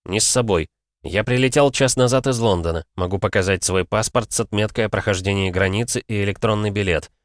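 A man voicing a calm, self-possessed male Interpol expert in an audiobook, measured and explaining. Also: lowish voice, no room sound, clean studio sound, lightly acted.

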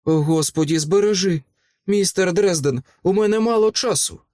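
A man's voice: medium pitch, lively intonation, a little slow, a little mellow, no room sound, clean studio sound, lightly acted. A man voicing a devout, stern woman in labor, strained and pleading.

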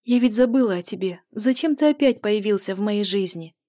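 A woman's voice: mid-range voice, animated, a little fast, warm tone, dry recording, studio quality, pitched above the performer's own voice, close to an everyday voice. A woman voicing a defiant young heroine who snaps back through tears in an audiobook. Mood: tearful. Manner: raised, pleading and snapping. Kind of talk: audiobook character voice.

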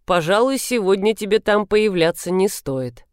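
A blunt, grumbling young man who rescues a stranger and then sulks about it, read by a woman in her own near-normal voice. His lines come out short and gruff. The recording is close and dry, with no room sound. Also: medium pitch, animated, moderate pace, no echo, lightly acted. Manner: grumbling, curt.

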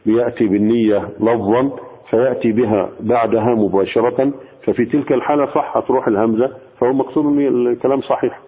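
A man with an Egyptian accent teaching a religious lesson as a sheikh, explaining patiently and slowly demonstrating pronunciations. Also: mid-range voice, steady tone, slightly rough. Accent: Egyptian Arabic. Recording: tinny phone-like sound with long reverb.

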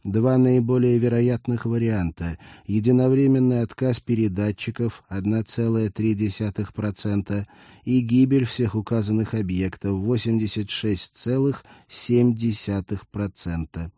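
Narrator putting on a cold mechanical male cyborg, emotionless and curt, dark low tone, dry read. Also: unhurried, no echo, lightly acted. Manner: flat, mechanical machine-like delivery. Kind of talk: audiobook narration.

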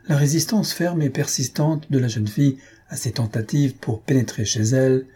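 A man reading a classic novel aloud as narrator, measured and steady. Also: medium pitch, breathy edge. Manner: measured storytelling. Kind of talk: audiobook reading.

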